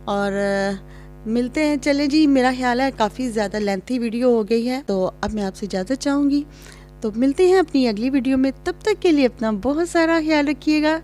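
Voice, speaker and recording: A woman from Pakistan telling a childhood story to her channel's viewers in a chatty way, growing lively as she acts out scenes. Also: sits high, faint music behind. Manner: chatty, reenacts scenes with rising excitement. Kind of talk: casual storytelling to camera.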